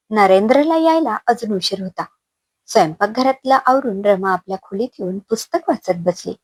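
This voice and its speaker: A woman narrating a story in a calm, measured reading voice. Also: mid-range voice, husky, no room sound.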